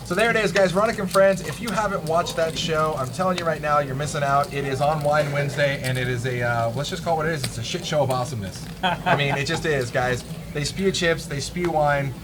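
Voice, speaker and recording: A man's voice: a little high, fast. A man giving casual live poker commentary as a stream host, chatty and full of slang. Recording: noisy room with loud background ambience.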